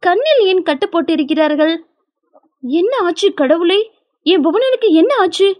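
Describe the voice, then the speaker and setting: A woman's voice: high voice, lively intonation, moderate pace, no echo. Woman voicing a frantic tearful young wife. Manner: trembling, frantic and pleading.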